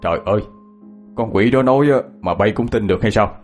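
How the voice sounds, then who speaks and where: A man voicing a stern older father, scolding loudly. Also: fairly low pitch, a little fast, soft background music, natural voice. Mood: angry. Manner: loud scolding.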